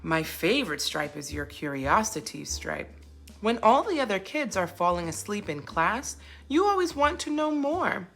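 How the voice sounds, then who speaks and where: A woman's voice: mid-range voice, big pitch swings, moderate pace, vocal fry, fairly bright tone, faint music behind, heavily acted. A woman voicing a loving mother zebra who speaks in a tender, encouraging storybook manner. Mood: reassuring.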